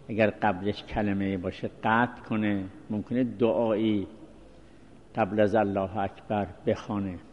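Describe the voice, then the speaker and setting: A man giving a seminary lecture on Islamic law, explaining in measured, short phrases with pauses. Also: on the low side, a little mellow, a little hiss or hum. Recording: dull lo-fi recording with long reverb.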